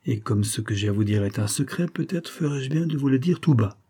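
A male reader voicing a cautious valet in an audiobook, speaking in a hushed, secretive way. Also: medium pitch, animated, fairly quick, slightly rough. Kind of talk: audiobook character reading.

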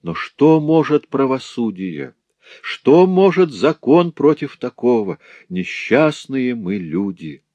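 A man's voice: medium pitch, sing-song, takes it slowly, warm tone, no echo, dull audio, voice pushed up. A man voicing a desperate, grief-stricken older craftsman and father who cries out frantically. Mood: despairing. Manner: frantic, crying out.

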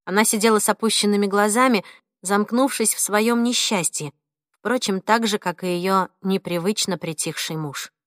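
A woman narrating an audiobook in a measured, even storytelling voice. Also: medium pitch, no echo, studio quality. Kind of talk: scripted narration.

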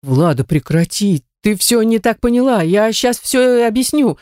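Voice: medium pitch, animated, measured pace, darkish tone, dry recording, pitched above the performer's own voice, close to an everyday voice. A reader voicing a cowardly young man caught cheating, whining and pleading in a dry, close audiobook recording. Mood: pleading whiny. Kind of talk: audiobook character voice.

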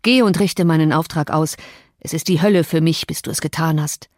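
A woman reading the part of a brooding, dark returning man who gives urgent commands in an audiobook. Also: brisk, dry recording, studio quality, lightly acted. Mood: commanding. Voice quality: low voice with a foreign lilt. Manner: pressing, commanding.

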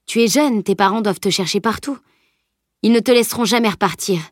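A woman's voice: mid-range voice, brisk, no echo, clean studio sound, voice pushed up, natural voice. A woman reading the part of a worried, insistent male warrior in an audiobook.

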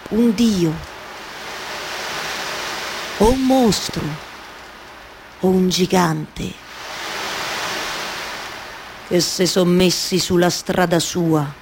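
An actress playing Penelope, a lovelorn, obsessive waiting wife, in a theatrical monologue with a Roman accent, halting and repeating her words like an incantation. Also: on the low side, noisy background. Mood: fierce, excited. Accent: central Italian, Roman. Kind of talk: theatrical dramatic monologue with live music.

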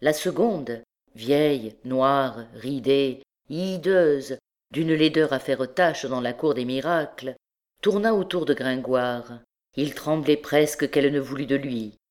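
A woman's voice: extremely low pitch, slow, a little mellow. Woman reading a classic novel aloud. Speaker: audiobook reader. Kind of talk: literary audiobook narration.

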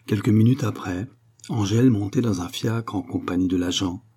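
A man narrating a classic novel as an audiobook. He reads in a measured, even storytelling manner. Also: fairly low pitch, husky.

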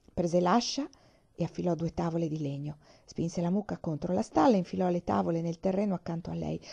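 Woman, storybook reader, gentle, expressive, warm mellow voice, dull lo-fi recording. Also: medium pitch, creaky. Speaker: audiobook reader. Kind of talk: storybook reading aloud.

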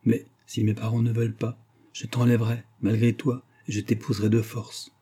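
Desperate young lover, impassioned, low and husky, man reading the part. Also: completely flat delivery, moderate pace, warm tone. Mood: passionate. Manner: intense, impassioned. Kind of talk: audiobook reading.

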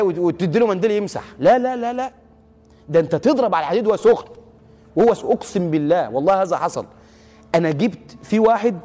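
A man's voice: on the high side, big-room sound. A man preaching in an Egyptian Arabic accent, telling stories animatedly and acting out the dialogue. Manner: animated storyteller, acts out dialogue, swears oaths for emphasis. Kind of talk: storytelling sermon.

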